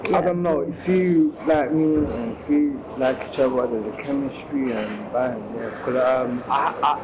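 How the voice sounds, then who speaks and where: A man's voice: mid-range voice, steady tone, unhurried. A man chatting casually in a rambling, slangy way, recorded covertly. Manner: rambling, slangy, repeated 'innit' tags. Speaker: landlord. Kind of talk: casual chat, secretly recorded. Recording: busy crowd noise, hidden microphone.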